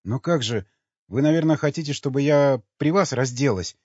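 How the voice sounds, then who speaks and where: A man reading an audiobook, voicing a meek, naive young woman who talks in a soft, docile, matter-of-fact way. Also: medium pitch, animated, normal speed, no room sound, voice pushed up, close to an everyday voice. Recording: dull lo-fi recording.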